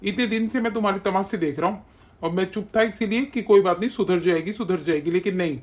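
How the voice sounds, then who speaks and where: A woman voicing a hot-tempered young husband and son in an animated story, harsh and commanding. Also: mid-range voice, quick pace, natural voice. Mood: furious.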